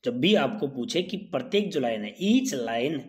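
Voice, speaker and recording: A man leads an exam-prep lesson in a lively, animated voice. He keeps asking his students short questions and answers them himself, and his pitch sits in a middle range for a man. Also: brisk. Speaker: teacher.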